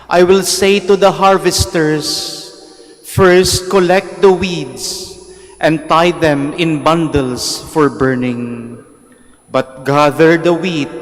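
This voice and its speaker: Slow Filipino priest in cathedral echo. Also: male voice, on the high side. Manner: solemn, measured. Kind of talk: liturgical Gospel reading and homily. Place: large church. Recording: cathedral echo, long church reverb.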